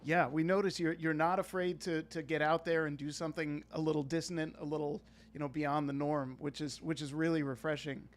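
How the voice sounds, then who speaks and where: A man's voice: fairly high pitch, flat delivery, fairly quick, few pauses. A man interviewing a guest at a live event, enthusiastic and often repeating words as he goes.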